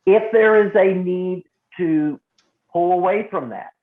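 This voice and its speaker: Teaching a group in a live indoor training session, this male emergency radio volunteer trainer has a slightly high voice and speaks emphatically and deliberately, repeating things for emphasis. The sound is thin and phone-like, narrow-band with a roomy echo.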